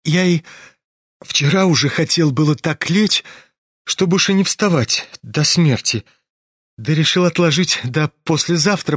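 A man voicing a dying young man who speaks quietly and hoarsely, with a calm, ironic edge. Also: a little high, dry recording.

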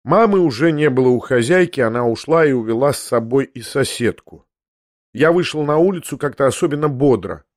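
A man narrating a novel in first person with a measured, reflective reading. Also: medium pitch, expressive, no echo, clean studio sound. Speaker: audiobook narrator.

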